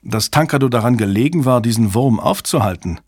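A man's voice: medium pitch, animated, fairly quick, breathy edge, no room sound, studio quality. A man doing a commanding agency director. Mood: insistent. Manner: commanding, emphatic. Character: forceful male agency director.

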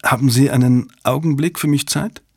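A man's voice: medium pitch, steady tone, normal speed, slightly rough, dry recording, clean studio sound, voice pushed up. A male audiobook reader voicing a courteous young man who asks questions apologetically. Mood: polite. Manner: politely apologetic.

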